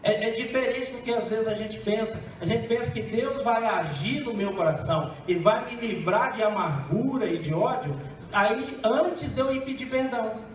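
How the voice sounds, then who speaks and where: A man's voice: high voice, normal speed, a little hiss or hum. A Brazilian man preaching a sermon as pastor, emphatic, putting rhetorical questions to the congregation. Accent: Brazilian Portuguese. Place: church sanctuary. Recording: echoey church hall, distant mic.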